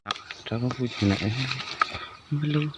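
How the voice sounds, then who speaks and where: A man's voice: medium pitch, a little fast, heavy background noise. A man vlogging while he works outdoors, talking in short, scattered remarks and interjections. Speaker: gardening vlogger. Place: outdoors in a garden.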